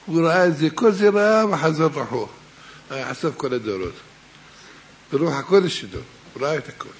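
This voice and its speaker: Male preacher, higher-pitched, lively parable-telling sermon, fervent, direct to congregation. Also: a little hiss or hum. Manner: animated storyteller, swings between hushed and raised delivery; addresses listeners directly and fervently. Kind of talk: Torah sermon with a told parable.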